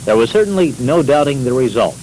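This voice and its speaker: A male reporter delivers formal, scripted narration in a mid-pitched voice. It sounds like a 1960s field report tape with faint hiss behind it. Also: sing-song, fast. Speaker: military news reporter. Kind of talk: scripted narration for an audio feature.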